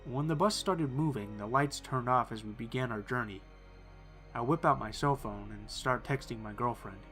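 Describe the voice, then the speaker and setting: A man reading first-person horror stories in a calm, measured storytelling voice. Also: medium pitch, faint music behind. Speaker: narrator. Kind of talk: scripted horror narration.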